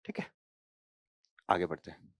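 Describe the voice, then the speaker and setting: A man's voice: measured pace, dry recording. A man teaching a current affairs lesson for exam prep, asking himself questions and checking in with students as he explains. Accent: Hindi. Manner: explains with rhetorical questions and frequent "thik hai" check-ins.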